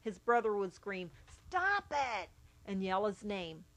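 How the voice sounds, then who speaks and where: A middle-aged woman, a mother, reading aloud a personal account in a steady, matter-of-fact way. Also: medium pitch, moderate pace. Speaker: mother of a child with albinism.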